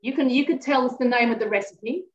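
A woman's voice: fairly high pitch, quick pace. A woman chatting as she runs a live cooking demonstration in a kitchen, talking while she works. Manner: chatty, talks while working. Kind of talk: live cooking demo chat. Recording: roomy, dull sound from a distance.

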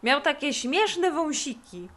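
A woman's voice: high voice, big pitch swings, slow pace, a bit bright, pitched above the performer's own voice, full character voice. A woman doing a drawling lazy boy. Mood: sleepy drawl. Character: lazy dreamy slow-talking boy.

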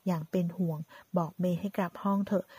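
A woman narrating a drama story in a steady storytelling voice, voicing every part herself. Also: fairly low pitch, fast, husky, dry recording. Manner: reads all parts in one voice, quoting lines with light shifts.

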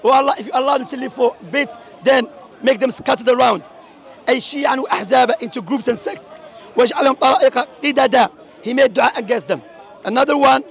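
High-pitched, rapid-fire Algerian man preaching outdoors. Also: creaky. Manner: forceful, mixing English with Arabic quotes. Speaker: street preacher. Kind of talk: street debate. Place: outdoors at a public speaking corner.

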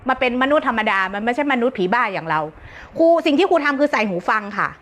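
Brash high-voiced woman. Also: very animated, quick pace, fairly bright tone. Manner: brash, earthy, joking, with frequent laughter. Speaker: self-help teacher. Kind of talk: lively live-stream teaching talk.

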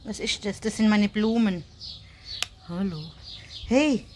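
A woman's voice: mid-range voice, slow pace, a little mellow. A German woman vlogging casually on a small farm, chatting and cooing at her animals and kids. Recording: faint farmyard noise, chickens.

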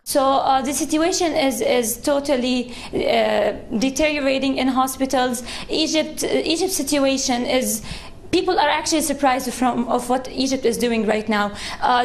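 High-pitched young female news correspondent. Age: young adult. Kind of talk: live news report, impassioned commentary. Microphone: handheld reporter's microphone.

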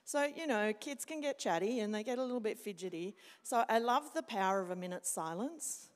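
A woman who is a scripture teacher and school chaplain chats animatedly in a casual on-stage interview, acting out classroom moments. Her voice is fairly high, expressive, and fairly quick, captured on a handheld mic in a church sanctuary with long hall reverb.

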